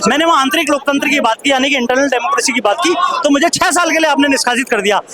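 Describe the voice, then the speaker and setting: A man's voice: very high-pitched, quick pace. A man in his forties at a street protest, speaking emphatically as if giving a speech. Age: 40s. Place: outdoor street protest in a city. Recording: crowd noise behind.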